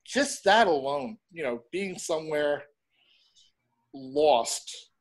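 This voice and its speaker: Middle aged guy, kinda higher voice, chatting in an interview, hesitant and rambly. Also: sing-song, slow pace, creaky, rough recording. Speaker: interview guest, horror host and film reviewer. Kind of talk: casual interview chat.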